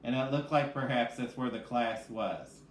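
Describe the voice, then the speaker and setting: A mid-range male voice at normal speed guides children through a read-aloud lesson; he is a reading teacher. He speaks to them directly and answers his own questions, recorded in an echoey room with faint background noise.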